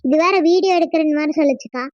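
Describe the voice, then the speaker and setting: A woman plays a defensive young village girl in a cartoon, rapidly shifting the blame onto someone else. The voice is high, and the recording is close and dry. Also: a little mellow, no room sound, dull audio, lightly acted. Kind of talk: cartoon voice acting.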